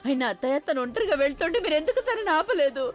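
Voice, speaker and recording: A woman's voice: extremely high pitch, big pitch swings, racing, soft background music. A woman dubbing an anxious middle-aged mother in a TV serial, pleading and agitated. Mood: distraught. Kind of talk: dubbed TV serial drama.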